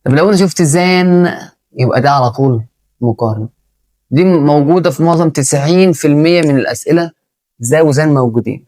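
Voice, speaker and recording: A man's voice: medium pitch, a little mellow. A man with an Egyptian Arabic accent teaching an English grammar lesson, talking straight to the student and repeating key points.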